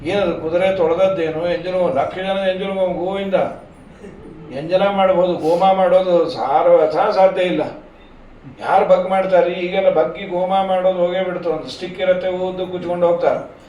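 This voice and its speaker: A man's voice: high-pitched, fairly even intonation, moderate pace, darkish tone, dull audio. A man giving a humorous devotional discourse and telling stories. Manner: humorous, chatty, sings verses. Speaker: religious discourse speaker. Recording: echoey hall, distant mic, faint noise.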